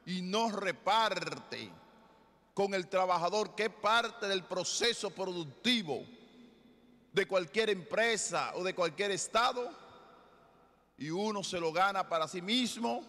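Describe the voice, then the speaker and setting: A middle-aged man, a bishop from the Dominican Republic, preaching a sermon at the ambo with slow, deliberate phrasing and rhetorical questions. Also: sits high, expressive, pushed and bright. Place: large basilica with congregation. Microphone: ambo microphone, far camera. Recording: long church reverb.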